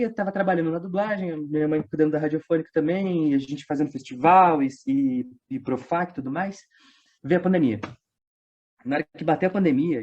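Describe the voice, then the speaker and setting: With a voice on the high side and the highs cut off in the recording, a Brazilian interview guest tells stories in a casual, slangy way. He is an audio drama writer and voice-dubbing worker, and he animatedly acts out people's quoted remarks.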